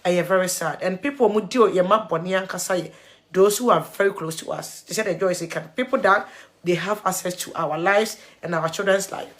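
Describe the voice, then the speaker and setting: Tearful Ghanaian woman vlogger. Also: lowish voice. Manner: earnest, mixes English and Twi, halting repeats. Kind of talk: emotional video commentary.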